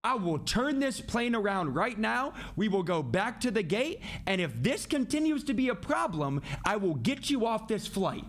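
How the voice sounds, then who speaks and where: Calm but firm female flight attendant, polite and apologetic, as a man puts her on. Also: fairly high pitch, moderate pace.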